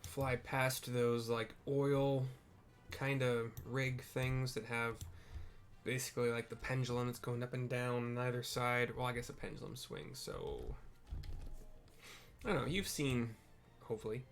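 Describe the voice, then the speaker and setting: With faint music in the background, a man with a mid-range voice speaks unhurriedly. He hosts a game playthrough, describing what's on screen in a relaxed, improvised way, rambling and self-deprecating as words escape him.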